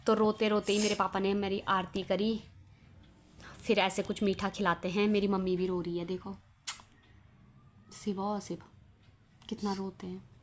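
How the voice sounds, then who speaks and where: A woman's voice: mid-range voice, level tone, measured pace, long pauses, a little hiss or hum. A young woman chatting casually as she shows her wedding photos, laughing often and near tears at times. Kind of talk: casual chat.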